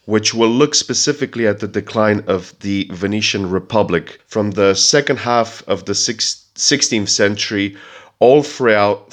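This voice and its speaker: A man hosting a history podcast, reading scripted narration in a nasal voice while he has a heavy cold, with occasional fillers and restarts. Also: on the low side.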